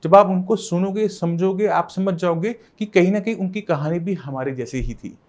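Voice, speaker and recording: A man's voice: high voice, moderate pace, darkish tone, big-room sound. A man, a doctor, explaining treatment earnestly to camera and interviewing a patient, with rhetorical questions. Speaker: doctor hosting a health channel.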